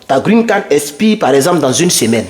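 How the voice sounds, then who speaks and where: A man with a fairly high voice talks straight to his viewers from his home computer, rambling loosely through immigration news. He drifts between English and French as he goes, casual and unscripted. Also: very animated, fairly quick, darkish tone. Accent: non-native English, French-speaking. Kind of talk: casual informal vlog. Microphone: computer microphone.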